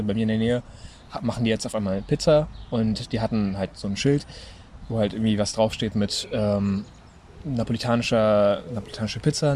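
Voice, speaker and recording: A man's voice: lowish voice, a little mellow, a little hiss or hum. Hesitant 23-year-old Italian-born man. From Italy. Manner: loose, hesitant, many fillers. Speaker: interviewee, student. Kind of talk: casual interview talk.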